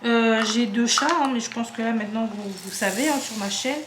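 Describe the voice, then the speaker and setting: Here a craft vlogger from the suburbs of Paris, a woman in her 20s, rattles on casually while tidying her craft supplies at home, frequently interrupting herself. She speaks fairly quickly at a fairly high pitch, in an echoey room with noise in the background.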